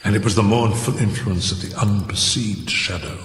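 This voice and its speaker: A man playing an unhinged, cunning murderer who confesses in dramatic fireside storytelling, with theatrical drawn-out words and a gravelly voice that slips into whispers. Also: a little hiss or hum, natural voice. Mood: grim, hushed. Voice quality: low gravelly voice breaking into whispers and high cackles. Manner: theatrical, drawn-out words, sudden swings in pitch and pace. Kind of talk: dramatic fireside storytelling of a gothic horror tale.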